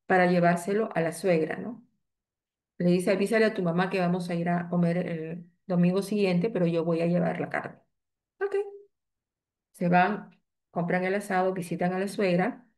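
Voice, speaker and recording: Low-voiced woman telling stories in a talk. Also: darkish tone. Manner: conversational, frequent "este" and "eh" fillers, tag questions. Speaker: psychotherapist giving a talk. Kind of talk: storytelling lecture.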